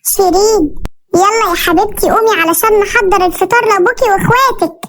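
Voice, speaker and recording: A woman's voice: very high-pitched, fast, a bit bright, slight background noise. A woman voicing a tender mother who pleads with her husband and soothes her daughter. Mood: pleading.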